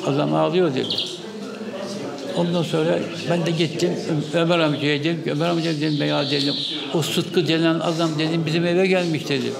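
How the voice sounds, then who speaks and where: Man, gravelly voice, chatty storyteller, crowd chatter around. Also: fairly high pitch, steady tone, fairly quick. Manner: anecdotal, repeats "he said" often. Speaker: bird keeper. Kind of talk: storytelling in interview.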